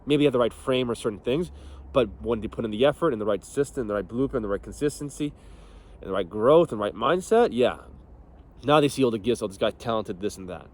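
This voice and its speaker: A man's voice: medium pitch, lively intonation, brisk, a little mellow. Blunt, profane young man coaching fitness. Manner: blunt, profane, laughs often. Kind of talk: casual motivational talk.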